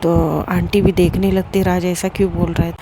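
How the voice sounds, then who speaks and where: A woman telling a romance story aloud in a plain, unhurried manner with small fillers. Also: lowish voice, flat delivery, noisy background. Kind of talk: storybook narration.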